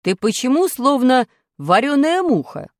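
A stern, bossy singing teacher, played by a woman in a children's story, barking orders at a class. The voice rides up and down with lively swings and sits a little high. The sound is dry and close. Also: unhurried, dry recording. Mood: scolding. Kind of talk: storybook character voice.

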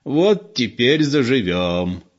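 Man voicing a gruff shrewd old villager, scolding manner, a bit higher than the reader, dull lo-fi sound. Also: lively intonation, normal speed, natural voice. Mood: grumbling. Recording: dull lo-fi recording.

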